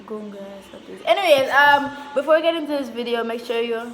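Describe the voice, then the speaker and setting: Jamaican woman vlogger, higher voice, loose patois chat, roomy echo. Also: fast, slight background noise. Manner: relaxed patois chatter, often soft-spoken. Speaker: YouTuber host. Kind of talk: casual mukbang chat. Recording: echoey room.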